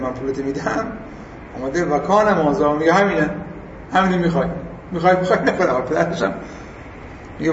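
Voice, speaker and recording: A man giving a casual religious lesson. He reads Arabic text slowly, then explains it in everyday speech and acts out the people he quotes. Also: on the high side, a little hiss or hum. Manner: acts out the quoted speakers in lively asides. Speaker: religious teacher. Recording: roomy, distant and dull.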